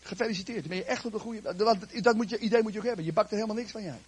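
A man preaching a sermon to his congregation, retelling a Bible story in a lively, joking way with a raspy voice. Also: high-pitched, rapid-fire.

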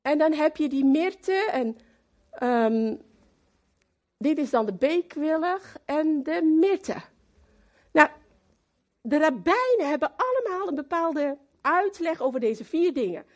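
A woman giving a lively, emphatic sermon who talks straight to the congregation and slips into English now and then. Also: high voice, slow pace, long pauses. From Moluccan community in the Netherlands. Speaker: preacher.

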